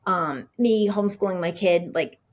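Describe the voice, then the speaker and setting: A middle-aged woman, an author being interviewed on a podcast, telling a story in a chatty, animated way and acting out what people said. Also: fairly low pitch, normal speed. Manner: chatty, animated storyteller who acts out quoted dialogue; frequent fillers and restarts.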